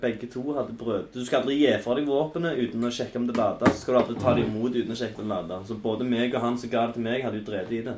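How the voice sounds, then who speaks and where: A man with an average-pitched voice tells casual podcast stories in a blunt, crude, sweary manner. He is recorded in a roomy, echoing space with a little background noise. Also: hardly any pauses. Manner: crude, swearing, animated storyteller. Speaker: podcast host. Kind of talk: casual anecdote telling. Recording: echoey room with faint noise.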